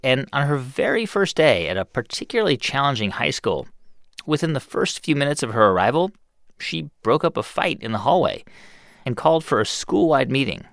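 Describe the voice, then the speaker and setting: A man's voice: medium pitch, big pitch swings, normal speed, vocal fry, a bit bright, dry recording, studio quality. A man hosting a radio show, reading scripted narration that builds emphasis as a story unfolds. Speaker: radio host. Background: music.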